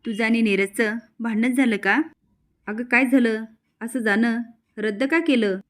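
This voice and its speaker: A woman's voice: on the high side, measured pace, close to an everyday voice. A loving mother, anxious and pressing her daughter to tell her what is wrong, read by a woman. It is a storybook-style recap. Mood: worried. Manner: anxious, pleading.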